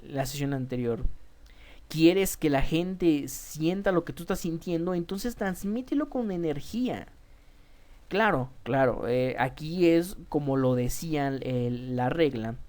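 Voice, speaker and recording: A woman's voice: low-pitched, a little mellow. A woman with a Mexican Spanish accent, a teacher giving a public speaking lesson, emphatic and addressing her students directly, often restarting words.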